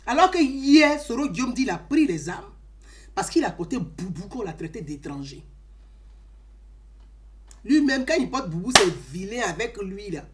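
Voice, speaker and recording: A woman with an Ivorian French accent delivering an impassioned political monologue, emphatic and scolding, swinging between loud outbursts and low asides.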